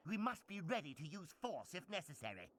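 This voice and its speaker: An actor playing a scheming, power-hungry villain prince in a video game, with a pompous, theatrical, mustache-twirling manner. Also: male voice, high voice, big pitch swings, fairly quick. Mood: scheming, commanding.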